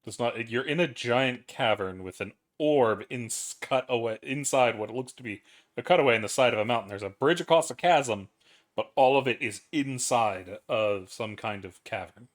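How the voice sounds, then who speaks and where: A man's voice: medium pitch, normal speed. A man narrating a tabletop role-playing game as its game master.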